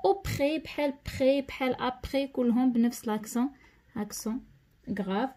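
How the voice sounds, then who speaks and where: A woman with a Moroccan accent teaching a lesson, explaining step by step, repeating key terms and reading instructions slowly and deliberately. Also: high voice, mellow. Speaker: schoolteacher. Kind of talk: tutorial lesson.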